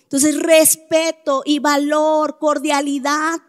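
A woman gives a talk to a live audience, her voice set high and her delivery slow and deliberate. She leans hard on key words and keeps turning to her listeners with rhetorical questions. A long echo from a hall follows every line. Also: flat delivery. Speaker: speaker addressing a church or group audience. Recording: echoey hall.

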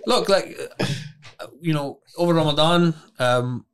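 A man's voice: on the high side, a little slow, smooth. A man aged forty with a British Bradford accent, chatting casually and informally in a group, often saying "bro" and "man". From Bradford, England. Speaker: guest, former charity chief executive.

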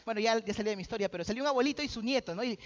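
A man's voice: very high voice, racing. A man preaching a sermon, joking with the congregation and calling out to them as he retells a story. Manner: calls out to the audience. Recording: dull lo-fi sound.

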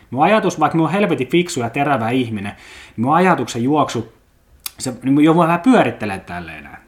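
A man's voice: mid-range voice, a bit bright. A young man hosting an unscripted solo podcast from his apartment, talking in a blunt, profane, rambling way. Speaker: podcast host. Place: apartment at home.

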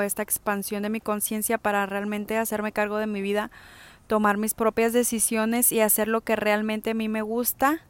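Woman doing a self-help talk, smooth clear voice, talks right at you, lots of pauses and restarts. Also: medium pitch. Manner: addresses listener directly, many fillers and restarts.

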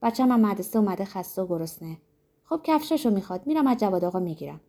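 Storybook grandmother: kind, coaxing, warm and mellow, as a woman reads her. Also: mid-range voice, animated. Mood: soothing. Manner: gentle, coaxing.

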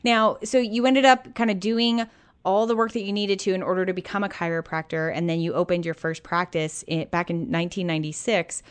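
A woman's voice: lowish voice, steady tone, a little fast, clear, resonant tone. A North American woman hosting a podcast in an informal, effusive and emphatic conversational way. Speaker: podcast host.

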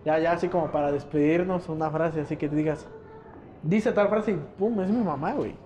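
A man's voice: on the high side, a little fast, warm tone, a little hiss or hum. A young man with a Mexican accent, hosting a slangy casual podcast chat and steering it with questions. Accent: Mexican Spanish. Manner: slangy, asks leading questions, frequent restarts. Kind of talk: casual chat among friends.

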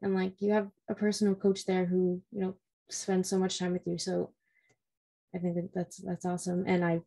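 Flat, mellow-voiced woman interviewer. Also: fairly low pitch, vocal fry. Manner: measured, affirming. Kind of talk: interview questions.

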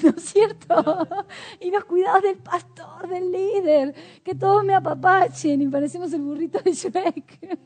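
A woman's voice: sits high, mellow. Woman preacher, conversational sermon, rhetorical questions, faint background music.

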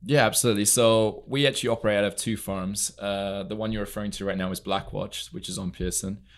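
This young English guest has a fairly low, steady voice and talks fast. Sitting for a casual podcast studio interview about his work as an equestrian entrepreneur, he recounts things earnestly, his speech dotted with frequent fillers.

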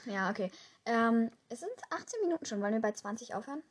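A young woman co-hosting a casual podcast. She rambles along with lots of fillers, and her voice is strained from shouting. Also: fairly high pitch, animated, fast talker. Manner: chatty, rambling with many fillers. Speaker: podcast co-host. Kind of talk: casual chat.

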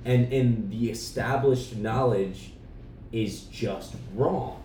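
A man explaining sports strategy in casual chat, thoughtful and steady, with lots of fillers. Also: medium pitch, takes it slowly, echoey room, far from the mic, a little hiss or hum, poor audio. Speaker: podcast co-host.

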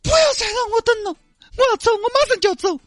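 A man voicing a frazzled, stubborn working woman with a Sichuanese accent who talks in shrill, wailing pleas. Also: fast, fairly bright tone, no room sound, studio quality, soft background music. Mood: pleading. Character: frazzled stubborn woman worker, desperate for attendance bonus.

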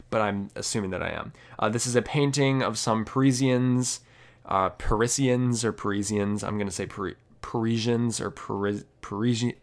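A young man presenting art history in a casual, halting way, often stopping to correct how he pronounces names. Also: on the low side. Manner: hesitant, many fillers and restarts, self-correcting pronunciations. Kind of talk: casual educational narration.

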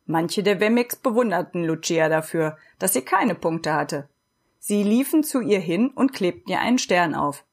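A woman's voice: lowish voice, expressive, normal speed. Woman reading a children's story aloud. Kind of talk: storybook narration read aloud.

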